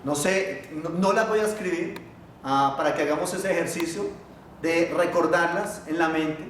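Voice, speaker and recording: A man teaching a Biblical Hebrew class, patiently asking his students questions and pausing on fillers. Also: on the high side, fairly bright tone, recorded from a distance, slight background noise. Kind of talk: classroom lesson. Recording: echoey room, voice from afar.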